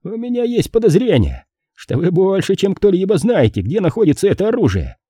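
A man playing a shrill, prickly little cop. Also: sing-song, brisk, mellow, slightly rough, no room sound, clean studio sound, full character voice. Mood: shrill, threatening. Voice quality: shrill, shrieking. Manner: prim, indignant, easily offended. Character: nervous, shrill little male police officer.

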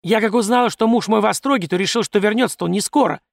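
Man playing a domineering peasant wife, high-pitched, raspy, loud, scolding. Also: quick pace, no room sound. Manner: shrill, scolding, bossy.

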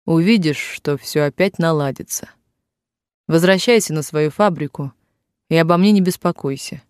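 A man reading the lines of a bruised young man in jail who gently reassures his father, in a dry room. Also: a little high, normal speed, clean tone, no echo, natural voice. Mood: reassuring. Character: young son in jail, bruised, brave and cheerful.

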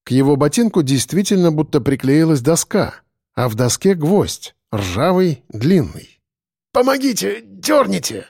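Male audiobook narrator, expressive and animated, dry studio sound. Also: fairly high pitch, a little slow, no echo.

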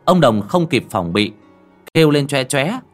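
A man narrating a horror story in a vivid, expressive way. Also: medium pitch, unhurried, faint music behind. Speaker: audiobook narrator.

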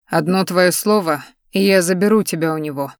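A hot-tempered young man, voiced by a woman, forces slow, threatening words through gritted teeth in a storybook reading. The voice sits a little low and is recorded dry and close. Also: dry recording, natural voice.

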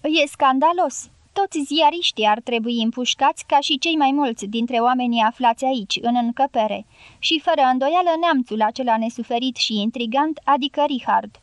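Woman reading a jovial blunt male general, late forties, harsh jokes, fairly high voice, dry sound. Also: dry recording, close to an everyday voice. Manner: blunt, joking.

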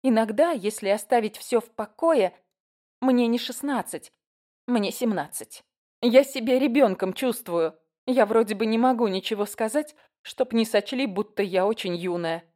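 A woman's voice: fairly high pitch, moderate pace, mellow, voice pushed up, close to an everyday voice. A woman voicing an eager, talkative teenage girl in an audiobook reading. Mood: fussing, chatty. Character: teenage girl, pushy and chattering.

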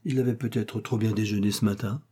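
A man's voice: on the low side, steady tone, brisk, dark tone, husky. A man reading a story aloud, voicing a servile, shocked male concierge who stammers and pleads in a raised voice. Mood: fretful muttering. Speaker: character in a read story. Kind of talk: audiobook character reading.

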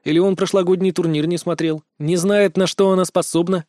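A male audiobook narrator reads a first-person fantasy story in a calm, measured, cool manner. His voice sits fairly high for a man. The close studio recording is dry. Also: no echo.

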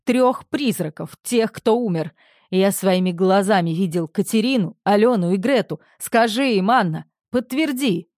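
A man's voice: measured pace, a little mellow, no echo, clean studio sound. A woman voicing a hysterical, pompous middle-aged male producer who rants shrilly. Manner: shrill, panicky, ranting.

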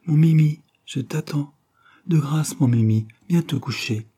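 A man voicing a weary young woman who pleads softly and timidly. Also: mid-range voice, steady tone, fairly quick, pitched above the performer's own voice, close to an everyday voice. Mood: pleading.

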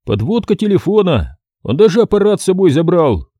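A male reader plays an aggrieved older man who sulks at every question. His voice is pitched up and tinged with grievance, over a dark, mellow tone. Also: big pitch swings, a little fast, husky, no echo, heavily acted. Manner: sulky, offended.

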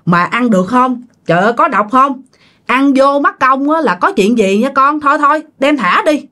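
A fretful, nagging older village mother in a spoken ghost story, put on by a woman. Her talk keeps rising and falling with worry. The voice is fairly high. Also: expressive, moderate pace, pushed and bright. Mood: worried.

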